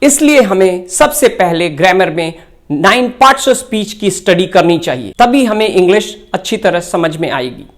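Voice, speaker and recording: A man's voice: high-pitched, animated, normal speed, a little hiss or hum. A man teaching a spoken-English grammar lesson, explaining carefully and spelling words out letter by letter.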